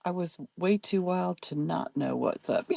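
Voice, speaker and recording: An older grandmother talks slowly and easily on a live stream, her voice low with a gravelly edge, and her pitch swings widely. She chats and laughs between viewer comments, and the sound is close and dry. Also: darkish tone, dry recording. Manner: chatty, laughs often, reads viewer comments aloud. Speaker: live-selling host. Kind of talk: casual live-stream chat.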